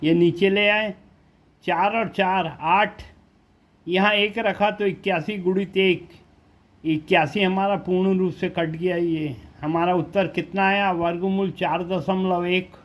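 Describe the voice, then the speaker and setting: Male math teacher, high voice, slow steady explaining, rhetorical questions, from India. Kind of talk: classroom math lesson.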